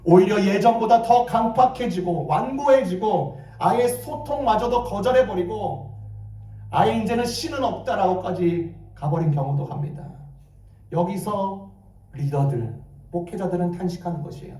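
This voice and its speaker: A man with a high, mellow voice delivers a sermon and stresses his key phrases. The pulpit mic sits some distance away. The church hall around him rings with echo. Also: moderate pace. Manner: emphatic preaching, repeating key phrases. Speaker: pastor. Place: church sanctuary.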